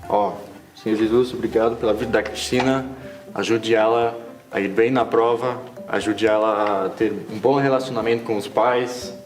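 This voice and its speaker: Brief: a man as a mild, deadpan friend, gentle and reassuring, with music behind. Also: on the low side, moderate pace, natural voice. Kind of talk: church kids' skit.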